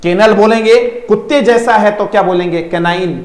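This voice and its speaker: A man's voice: high voice, steady tone, a little fast, reverberant. A man teaching an online vocabulary lesson, repeating words in drills and coaxing his students to answer. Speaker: English teacher.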